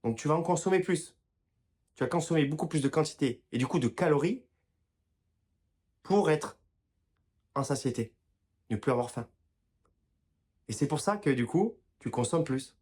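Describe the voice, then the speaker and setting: Leaving long pauses between phrases, a man with a slightly rough, darkish voice on the high side talks expressively at a moderate pace. He's a wellness creator giving casual health tips to camera, frequently restarting sentences and apologizing for his pronunciation.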